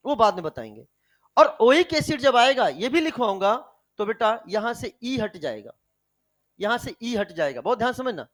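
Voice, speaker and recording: Brief: male chemistry tutor, high bright voice, lively lecture style, quizzes and scolds students. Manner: animated, fires rhetorical questions at students; calls students "beta", coaxing and scolding. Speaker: chemistry teacher. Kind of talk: energetic classroom lecture.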